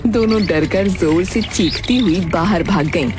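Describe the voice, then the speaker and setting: A woman reads a children's story aloud in a scripted, storybook style, her voice on the low side and unhurried. Music plays clearly behind her the whole time.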